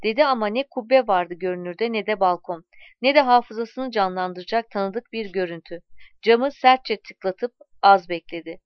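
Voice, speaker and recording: A woman narrating a story aloud in a calm, measured reading voice, voicing the dialogue as she goes. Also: medium pitch, clear, resonant tone, no room sound, muffled recording.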